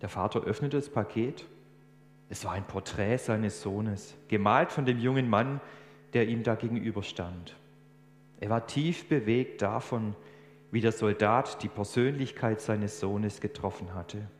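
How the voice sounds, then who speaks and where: A man preaching a sermon, telling a story with animated emphasis. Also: lowish voice, unhurried. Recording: echoey church hall, faint hum.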